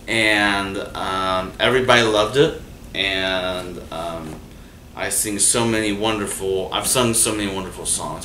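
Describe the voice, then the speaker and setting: A man hosting, telling his own stories in a casual, rambling way with many fillers and restarts. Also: fairly low pitch. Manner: rambling, full of fillers and restarts, animated when quoting people. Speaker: host. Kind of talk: casual storytelling monologue. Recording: echoey room from far off, faint noise.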